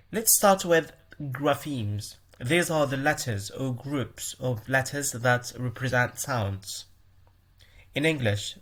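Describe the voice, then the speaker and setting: Man, podcast host, pronunciation lesson, explanatory, self-correcting, medium pitch. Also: a bit bright. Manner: explanatory, often restarts and corrects himself.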